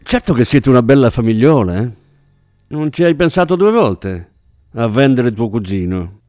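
A man's voice: mid-range voice, expressive, normal speed, darkish tone, dry recording, studio quality, faint music behind, natural voice. A man voicing a hard-bitten middle-aged partner in crime, blunt and combative. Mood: mocking.

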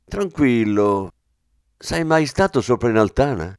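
A man's voice: medium pitch, very animated, measured pace, smooth, no room sound. A man reading an audiobook, playing a middle-aged police commissioner who talks in a dry, ironic way. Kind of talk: audiobook character voice.

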